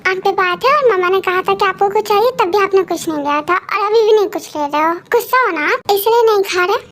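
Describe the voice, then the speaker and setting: A woman's voice: very high voice, fast talker, a bit bright. A woman voicing a sulky, pleading young bride in a fan audio story. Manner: pleading, accusing.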